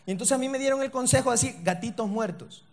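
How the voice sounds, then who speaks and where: High-voiced Salvadoran man doing stand-up. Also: fairly even intonation, racing, slight background noise. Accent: Salvadoran Spanish. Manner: slangy, punchy, loud asides to the crowd. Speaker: stand-up comedian. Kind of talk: stand-up comedy set. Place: comedy stage before a live audience.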